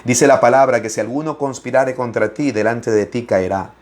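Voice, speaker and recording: A middle-aged man preaching in an animated Bible-study talk. He swings his voice up and down and laughs as he speaks. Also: normal speed. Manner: expressive, raises and lowers his voice, laughs while speaking; acts out opponents' lines in mocking voices.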